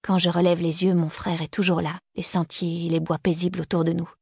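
A woman reads a first-person novel aloud in a low, gravelly voice with a husky edge. Her storytelling is tense and breathless, and the recording is dry and close. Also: flat delivery, fairly quick, dark tone, no room sound. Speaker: audiobook narrator.

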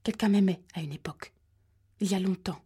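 A woman's voice: medium pitch, fairly quick, warm tone, husky. Woman doing a whispery menacing caller. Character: agitated male caller, high metallic voice, menacing.

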